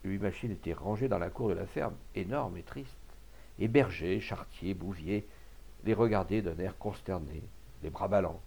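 A man narrating classic literary short stories as an audiobook reader, in a measured, expressive reading. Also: low-pitched, gravelly, breathy edge.

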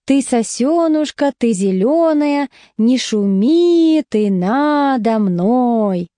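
A woman reader voicing a dim-witted girl soloist who sings in a squeaky, drawn-out whine. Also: expressive, warm tone, no echo, clean studio sound. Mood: whining.

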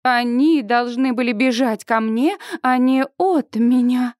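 Bright, dry-voiced woman reading an audiobook. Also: a little high, slow, dry recording. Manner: lively, expressive reading. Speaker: audiobook narrator. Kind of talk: first-person audiobook narration.

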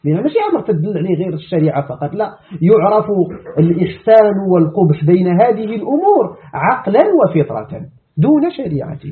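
A Moroccan-accented man gives a religious lecture on Quran commentary, his high voice rising and falling in a lively sing-song. He drives points home by repeating key words and asking rhetorical questions. The sound is narrow and tinny, like a phone recording. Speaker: Islamic scholar teaching Quran commentary.

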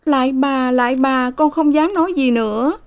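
A woman voicing a frightened young servant girl, pleading in a shrill, tearful voice in a storybook reading. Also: moderate pace, clear, resonant tone, lightly acted.

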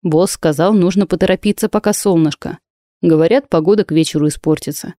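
A woman reading an audiobook, voicing a playful, joking man of about thirty with slow, drawn-out teasing lines. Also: fairly low pitch, mellow, no room sound, studio quality, lightly acted. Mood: brisk. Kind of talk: audiobook character voice.

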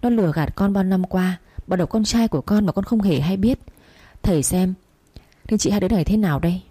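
A woman's voice: medium pitch, a little fast, warm tone, slightly rough, dry recording, close to an everyday voice. A woman voicing an enraged old husband and head of the house who barks stern orders. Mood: deferential.

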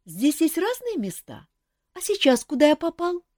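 A woman voicing a frightened young male wizard turned into a chick, with a squeaky, piping voice and anxious questions. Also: very animated, normal speed, dark tone, no echo, clean studio sound.

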